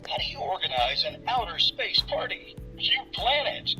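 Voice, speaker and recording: A woman streamer telling dad jokes through a voice changer filter that lowers her voice, with a flat punchline delivery. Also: moderate pace, soft background music, poor audio. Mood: deadpan. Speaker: VTuber streamer.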